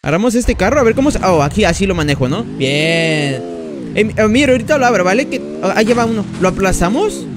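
Very high-voiced man streaming a game. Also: sing-song, a little fast, background noise. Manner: chatty, thanks and greets each viewer by name. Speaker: gaming streamer. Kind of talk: live gameplay commentary.

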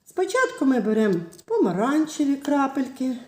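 Sing-song kindergarten teacher in a roomy space. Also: female voice, sits high, big pitch swings, moderate pace. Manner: gentle, sing-song, coaxing tone for little children. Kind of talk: storytelling and craft lesson for small children. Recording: roomy echo.

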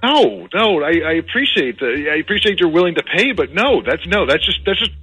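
A man's voice: fairly high pitch, very animated, a little fast, bright, forceful tone, slightly rough, faint music behind, rough recording. A man in a casual phone conversation, speaking hesitantly, stammering and repeating himself. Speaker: prank call target, hired odd-job worker.

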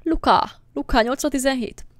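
A gaming channel host speaks in a high-pitched voice with no echo. She gives jumpy, casual commentary while playing a horror game, talking to on-screen objects and swearing occasionally.

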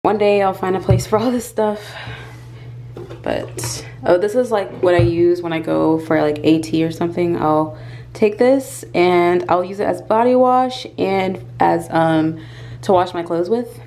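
Tidying her closet, bedroom, and bathroom, a young woman home vlogger chats informally to a handheld or tripod camera and thinks out loud. She speaks in a lowish voice, a little slowly, with music playing behind her. The clear recording picks up background noise and handling clicks.

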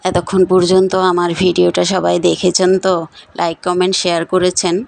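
A middle-aged woman narrating her cooking and family day in an unhurried, flat way with small pauses. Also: lowish voice, creaky, no echo, low-quality recording. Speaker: family vlogger.

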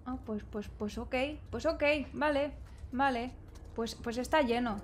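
A woman's voice: fairly high pitch, unhurried, a little mellow, slight background noise. A young woman, commentating a video game she plays, nervous and exclaiming, talking to the characters on screen. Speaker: gaming streamer. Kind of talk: let's play commentary.

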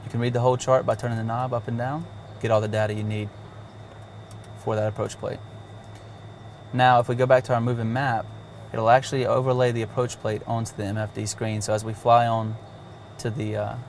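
A fairly low, gravelly male voice comes through with slight background noise. The speaker, an avionics demonstrator, casually explains a cockpit navigation system step by step in a plain way, using occasional fillers.

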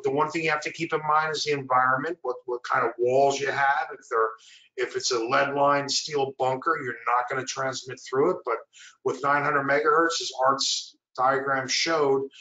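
A middle-aged man with a bright, forceful mid-range voice gives an informal product presentation over a webinar video call from a small indoor room. A distant microphone picks up a roomy echo.

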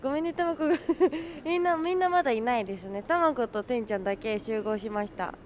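Live-streaming outdoors, a woman chats casually with her viewers and friends, greeting the chat and laughing often. Her voice is on the high side and quick, bubbly in manner, with slight background noise.

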